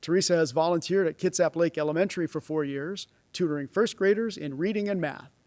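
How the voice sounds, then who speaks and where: A man's voice: fairly high pitch, fairly quick, a little mellow, no echo. A man formally reading out scripted honors as presenter at a school knighting ceremony, speaking into a podium microphone. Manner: formal read-out delivery, announcing names ceremonially. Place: stage of a large auditorium.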